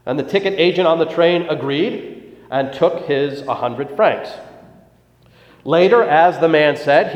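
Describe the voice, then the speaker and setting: A pastor delivering a sermon, telling a joke story and then explaining scripture. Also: male voice, on the high side. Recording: echoey hall, dull lo-fi sound.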